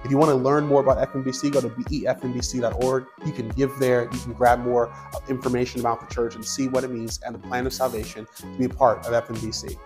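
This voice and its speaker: Fast even announcer over music. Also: male voice, medium pitch. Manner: smooth even promo read. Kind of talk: scripted broadcast intro. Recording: music bed behind voice.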